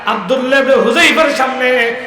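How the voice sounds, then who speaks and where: A male Bangladeshi preacher with a northern Bengali accent, chanting a sermon in a melodic, shouted style and calling on the crowd to respond. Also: very high-pitched, fairly quick, heavy reverb, big-room sound. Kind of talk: sung, shouted Islamic sermon.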